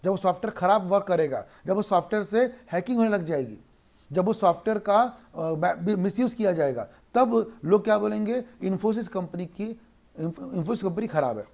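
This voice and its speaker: A man teaching a law class in Hindi mixed with English, who keeps asking questions and answering them himself, and slows down to read English lines aloud. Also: sits high, animated, vocal fry, darkish tone. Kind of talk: online lecture.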